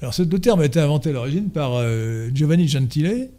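A man's voice: fairly high pitch, lively intonation, fast talker, dark tone. A man giving a conference lecture and answering audience questions, hesitant and full of fillers and restarts, then driving his points home emphatically.

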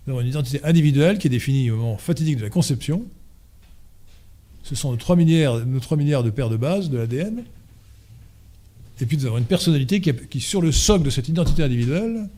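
A man's voice: medium pitch, expressive, fast talker, mellow. A man giving a conference lecture and answering audience questions, hesitant and full of fillers and restarts, then driving his points home emphatically.

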